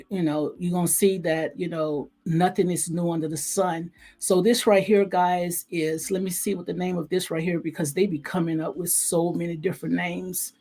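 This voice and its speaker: A woman hosting a recap show offers casual, rambling commentary that is conversational, heartfelt, and repetitive. Her voice is slightly hoarse, on the low side, with a dark tone.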